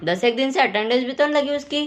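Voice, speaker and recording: A woman's voice: sits high, quick pace, natural voice. A woman voicing a fussy, easily offended male village schoolteacher who speaks primly and complains. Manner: prim, complaining.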